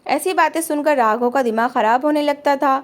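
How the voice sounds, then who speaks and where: A woman reading a family drama aloud as a storyteller, in steady scripted narration. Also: high voice, fairly quick.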